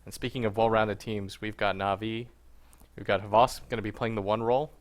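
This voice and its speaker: A man hosts an esports broadcast desk and introduces a team's lineup. He talks in a laid-back, casual way and sounds a bit tired. His voice is smooth and resonant. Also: on the low side, flat delivery, brisk. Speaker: desk host.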